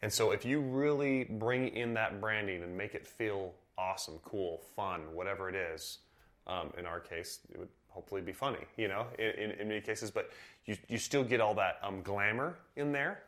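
A man from Idaho in a casual podcast chat, relaxed and reflective, restarting phrases as he goes. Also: fairly low pitch, normal speed.

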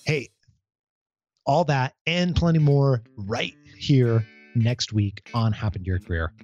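A man's voice: medium pitch, slow, darkish tone, lo-fi sound, faint music behind. A man hosting a podcast, chatting casually and playfully, laughing often. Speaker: podcast host.

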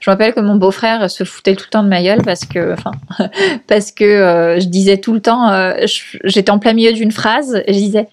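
A woman's voice: medium pitch, fairly even intonation, brisk, slight background noise. Chatty French-speaking woman guest. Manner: chatty, many fillers and restarts, laughs easily. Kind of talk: casual conversational interview.

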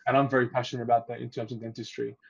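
A man in his twenties, an oral health therapist from Egypt, talking casually as a podcast guest with a relaxed, chatty manner and easy laughter. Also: mid-range voice, racing, creaky, husky. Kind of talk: casual interview. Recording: dull lo-fi audio.

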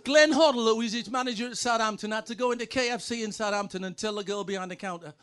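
Brash high-voiced sweary storyteller man. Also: fast talker, fairly bright tone, clean tone. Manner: brash, punchy, sweary punchlines. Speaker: former footballer telling stories. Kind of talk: comic anecdotes, stand-up storytelling.

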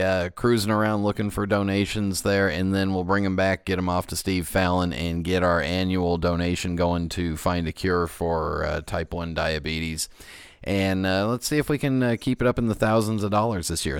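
A middle-aged American man with a fairly low, smooth voice hosts a casual podcast. He rambles easily and drops in dry, joking asides. The sound is close and dry. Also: fairly even intonation, moderate pace, no room sound. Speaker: podcast host. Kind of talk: casual radio-show talk.

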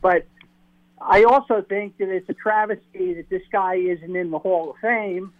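A man calling in to a radio show on speakerphone, talking haltingly and repeating words as he restarts. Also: sits high, fairly even intonation, dry recording. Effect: on speakerphone over a phone line. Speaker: caller. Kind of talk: radio call-in question. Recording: tinny phone line on speakerphone.

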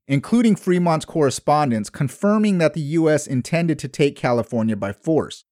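Male history narrator, somewhat high voice, steady measured read, dry booth sound. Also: no echo. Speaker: history podcast host.

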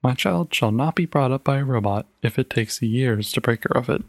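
A man's voice: mid-range voice, fairly quick, no room sound, close to an everyday voice. A man voicing a stern, determined mother, reading her lines firmly and insistently in a storybook reading. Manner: firm, clipped and insistent.

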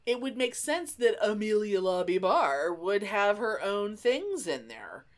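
A woman co-hosts a casual podcast chat, her mid-range voice moving a little slowly. She tells stories in an animated, emphatic way, swearing freely as she goes.

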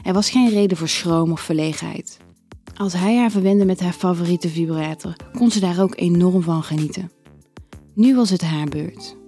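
A woman narrating an erotic audio story in a calm, even storytelling manner. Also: lowish voice.

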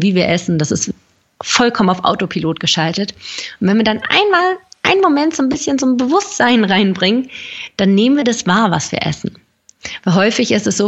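A woman's voice: medium pitch, breathy edge, dull audio. A woman speaking as a podcast guest, explaining things informally and addressing the listeners directly. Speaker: podcast guest giving nutrition advice. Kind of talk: casual explanatory talk.

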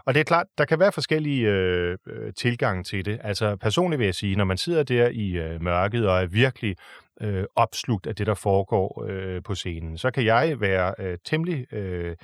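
A man's voice: lowish voice, expressive, no room sound, clean studio sound. A man hosting a radio program, answering listener questions about opera in a chatty, opinionated way with frequent hesitations.

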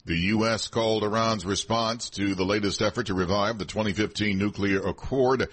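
A man's voice: fairly low pitch, steady tone, normal speed, a bit bright. A man anchoring a radio newscast, reading scripted world headlines. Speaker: news anchor.

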